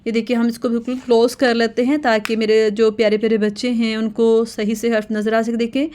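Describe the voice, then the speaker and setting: A woman teaching children to read the Quran, drilling each syllable slowly and repeating it, with English words mixed in. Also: on the high side, flat delivery, darkish tone. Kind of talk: children's lesson.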